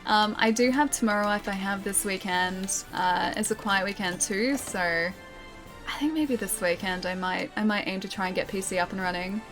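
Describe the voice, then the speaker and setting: Female game streamer, medium pitch, casual viewer chat, slightly careful speech from wearing a retainer, music underneath. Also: normal speed, low-quality recording. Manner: talking with retainer trays in, slightly careful articulation. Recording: music playing behind the voice. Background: background music.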